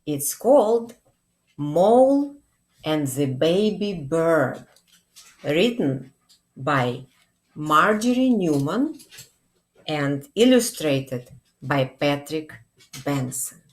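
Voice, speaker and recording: Reading to young children in a small indoor room with a plain wall, a librarian and storytime host speaks very slowly in a voice that sits low. She is deliberate and expressive and keeps checking in with questions.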